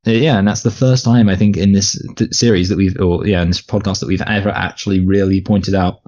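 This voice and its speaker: A man's voice: low-pitched, fairly even intonation, a little fast, a little mellow. A man co-hosting a movie podcast in casual chat, rambling with many restarts and fillers. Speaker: podcast co-host. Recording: dull lo-fi podcast audio.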